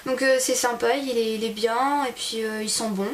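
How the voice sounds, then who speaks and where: Young woman, higher-pitched, informal rambling vlogger delivery, slightly noisy home recording. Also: fairly even intonation, moderate pace. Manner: chatty, informal, hesitant, rambling. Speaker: beauty vlogger. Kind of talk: casual chat to camera.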